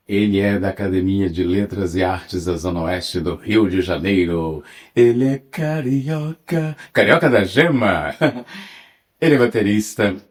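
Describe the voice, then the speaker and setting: A man's voice: on the low side, a little mellow. A man hosting a podcast, opening with playful showman greetings and tossing in quips as he interviews. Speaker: podcast host.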